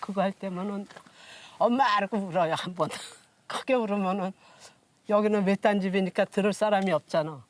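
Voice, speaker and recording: Music accompanies a woman in her sixties as she tells personal stories as an interview guest. She uses a mid-range voice at a moderate pace. The way she speaks is plain, homely, and unrefined.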